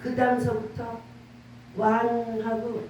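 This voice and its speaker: High-voiced woman pastor preaching in an echoey room. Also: level tone, slow, darkish tone, slight background noise. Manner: earnest, conversational preaching with frequent call-and-response. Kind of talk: sermon. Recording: roomy, echoey church room from far off.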